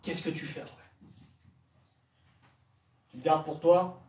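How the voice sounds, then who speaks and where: Echoey preacher with a raised voice. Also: male voice, on the high side, takes it slowly, a little mellow. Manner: direct, questioning the audience. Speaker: evangelist preacher. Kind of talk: sermon to young people. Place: church hall. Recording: echoey church hall, from far off.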